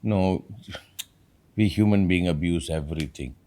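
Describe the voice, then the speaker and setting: A man hosting a reflective talk, an animated storyteller who acts out quotes as he rambles through his points. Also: low-pitched, a little slow. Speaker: podcast host.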